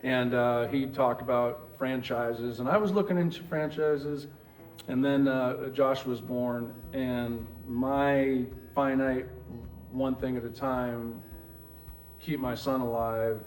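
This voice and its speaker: A middle-aged man from New Hampshire, a former pro football player, telling his story in an interview with many pauses and restarts. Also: mid-range voice, fairly even intonation, a little mellow, soft background music. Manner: rambling, halting, with many restarts.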